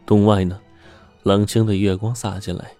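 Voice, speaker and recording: A man narrating a ghost story in a steady, suspenseful telling. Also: lowish voice, moderate pace, faint music behind.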